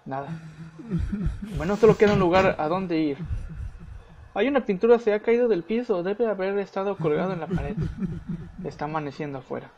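Let's play host, male, high voice, jumpy and profane when scared. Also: expressive, moderate pace, long pauses, darkish tone, dull audio. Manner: swears and yelps when startled. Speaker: gameplay commentator. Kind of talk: let's play commentary, reading game text aloud.

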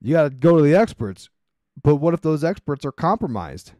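A man's voice: a little high, very animated, fairly quick, a little mellow, dry recording, studio quality. A man hosting his own podcast, talking in a casual, rambling way with wry, sarcastic asides. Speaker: podcast host. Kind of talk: casual solo commentary.

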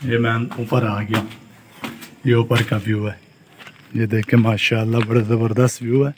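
Outdoors with his phone at arm's length for selfie video, a young Pakistani vlogger with a Saraiki-region Urdu accent eagerly walks viewers through a farm and construction site, repeating "look at this" and similar phrases. His lowish voice stays level at a normal speed. A little hiss or hum is audible.

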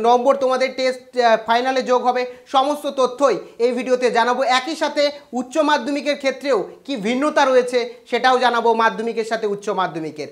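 A host giving an exam news update to students, talking quickly with frequent "ah" fillers and English loanwords. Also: high-pitched. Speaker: education news channel host.

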